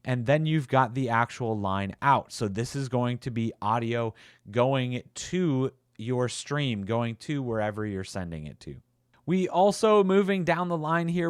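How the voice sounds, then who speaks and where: A man's voice: medium pitch, clear, resonant tone, dry recording, studio quality. A man casually walking through a product demo, upbeat and chatty with frequent "uh"s and repeats. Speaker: tech reviewer.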